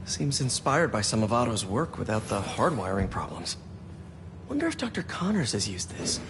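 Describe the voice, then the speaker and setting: A man's voice: lowish voice, big pitch swings, moderate pace, noisy background. An actor playing an earnest, curious young man in a video game, friendly and conversational as he thinks aloud. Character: earnest, curious young male hero and science whiz.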